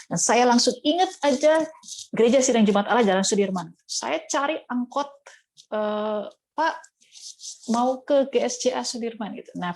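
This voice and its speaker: A woman's voice: mid-range voice, a little mellow. A woman evangelist telling her testimony as a sermon to women, storytelling dramatically and crying out the prayers she quotes.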